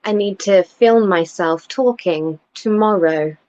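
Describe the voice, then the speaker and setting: A woman hosting her channel's live chat from home, speaking a little haltingly as she wraps up. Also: medium pitch, darkish tone, dull audio. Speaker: channel host.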